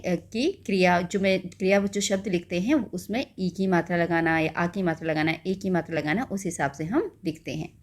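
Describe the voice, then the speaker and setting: A woman teacher explaining a school lesson patiently, checking in with the listener often and slowing down to spell out words. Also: mid-range voice.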